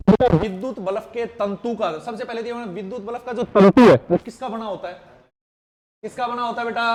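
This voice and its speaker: High-pitched man quizzing his class. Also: a little mellow. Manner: quizzes students with repeated questions, calls them beta; jokey wordplay mnemonics. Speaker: teacher. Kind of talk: live online exam-prep class.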